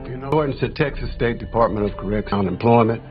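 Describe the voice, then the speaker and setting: A man's voice: mid-range voice, quick pace, natural voice. An actor playing a man in a crime film drama. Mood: official. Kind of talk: film acting. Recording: dull narrow film audio, music behind.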